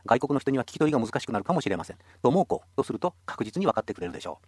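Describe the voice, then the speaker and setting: A man's voice: medium pitch, very animated, very fast, a little mellow, husky, dry recording, clean studio sound. A man teaching a radio language lesson, explaining patiently and encouraging listeners.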